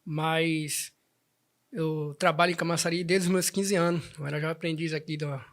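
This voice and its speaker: Man telling his story, voice on the high side. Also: fairly even intonation, normal speed. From Salvador, Bahia, Brazil. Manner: warm storytelling with many restarts and tags like "né?". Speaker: guest, band president. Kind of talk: casual interview chat.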